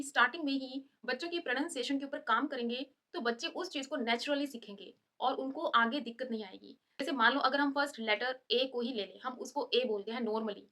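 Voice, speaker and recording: A woman teaching letter pronunciation, slowly stretching out example sounds as she explains. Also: high-pitched, bright, forceful tone. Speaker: English teacher. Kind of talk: Hindi-English lesson explanation.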